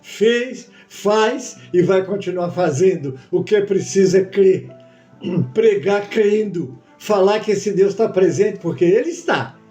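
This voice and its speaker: High-voiced pastor telling a testimony. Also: male voice, expressive, takes it slowly, mellow, faint music behind. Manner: storytelling, acting out dialogue. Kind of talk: sermon testimony. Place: church.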